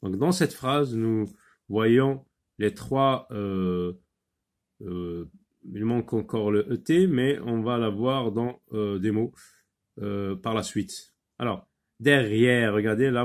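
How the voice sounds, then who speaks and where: Slow, patient man teaching phonics. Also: on the low side. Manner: slow, patient, with many pauses and fillers; switches between French and Arabic explanations. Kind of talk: phonics lesson.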